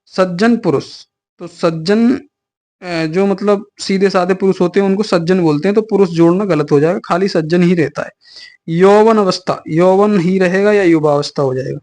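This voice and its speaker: A man teaching an online exam-coaching class, explaining patiently in a relaxed, chatty way with frequent fillers. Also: high voice, moderate pace.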